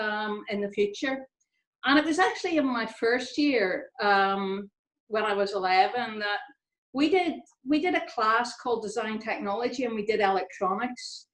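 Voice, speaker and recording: A woman's voice: a little high, moderate pace, roomy sound, rough recording. Chatty Northern Irish woman in her fifties. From Northern Ireland. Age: 50s. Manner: chatty and self-deprecating. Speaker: engineer on a panel. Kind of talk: informal talk to students. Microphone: video call.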